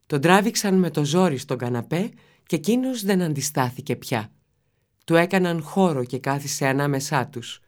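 A narrator reading a children's novel aloud in an expressive storytelling manner. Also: medium pitch. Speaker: audiobook narrator.

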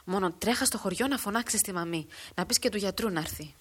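A woman's voice: medium pitch, breathy edge, natural voice. A woman reading a bold, scheming old village woman. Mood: urgent, persuasive. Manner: firm, persuasive, urgent.

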